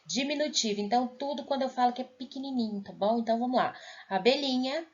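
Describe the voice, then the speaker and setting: A woman's voice: fairly high pitch, fast, darkish tone. Patient Brazilian woman teacher, lo-fi. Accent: Brazilian Portuguese. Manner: patient, checks in often with "tá?". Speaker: schoolteacher. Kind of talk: recorded lesson correcting homework. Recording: dull lo-fi audio.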